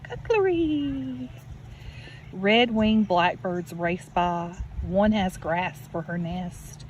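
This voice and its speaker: Speaking extremely slowly in a mid-range voice, a teacher reads to young children out by a farm pond, instructing them and addressing them directly. Natural background sounds, a running creek and animals, come through in the outdoor recording.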